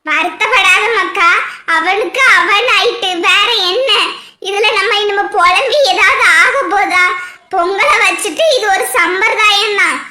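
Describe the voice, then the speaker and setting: Woman doing a slow, soothing cartoon grandmother. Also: very high voice, pushed and bright, reverberant, heavily acted. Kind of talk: cartoon voice acting.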